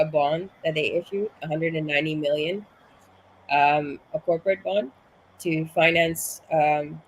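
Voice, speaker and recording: A woman's voice: sits low, a little hiss or hum, low-quality recording. A woman from Suriname, a guest in a casual interview, a bit out of breath from being sick, explaining at length with many restarts. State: slightly out of breath from illness. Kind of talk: casual conversation.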